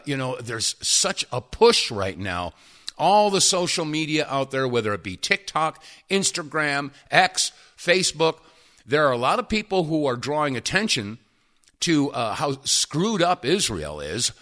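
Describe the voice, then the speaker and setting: A male talk radio host giving commentary, interjecting and pausing clips as he goes. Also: mid-range voice, pushed and bright.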